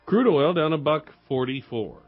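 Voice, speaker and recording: A man's voice: fairly high pitch, animated, moderate pace, slightly rough, narrow, tinny audio. A man reading commodity market prices like stock quotes for radio, in a clipped, list-like delivery of figures. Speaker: radio host and market reporter.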